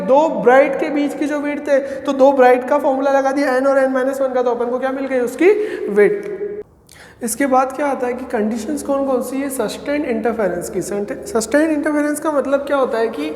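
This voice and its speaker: High-voiced man lecturing in echoey hall. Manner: asks questions and answers them himself. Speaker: physics teacher. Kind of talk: classroom lecture deriving formulas. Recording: roomy echo with long reverb.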